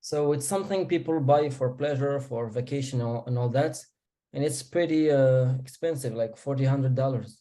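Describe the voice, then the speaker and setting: Mellow-voiced man asking hesitantly. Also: medium pitch, normal speed. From Morocco. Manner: hesitant, many uh and um. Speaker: caller. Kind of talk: asking a question on a video call. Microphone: video call.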